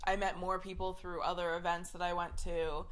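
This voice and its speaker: A woman's voice: lowish voice, little pitch movement, normal speed. A woman in her twenties hosting a podcast, telling a story in a casual, rambling way full of "like". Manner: chatty storytelling, heavy use of "like" fillers. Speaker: podcast host. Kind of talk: casual chat.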